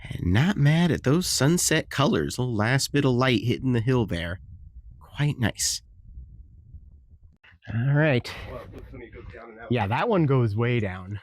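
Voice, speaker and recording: A young man narrating his road trip as a travel vlogger, chatty and relaxed, easily impressed by what he finds. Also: mid-range voice, slow, pauses often. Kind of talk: casual travel vlog narration. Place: desert campsite and caves outdoors.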